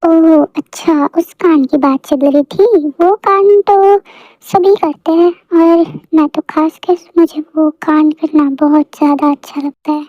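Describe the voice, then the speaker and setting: A woman's voice: sits high, fairly even intonation, a little slow, warm tone, no echo. A woman voicing a teasing mafia boss husband. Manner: playful, flirty, boastful. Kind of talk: fan audio story. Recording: dull lo-fi dry recording.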